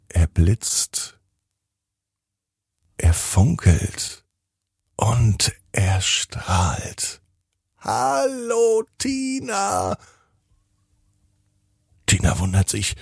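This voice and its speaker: A man's voice: lowish voice, gravelly, darkish tone, breathy edge, no echo, clean studio sound. A man narrating a children's bedtime story in a soothing, lilting way.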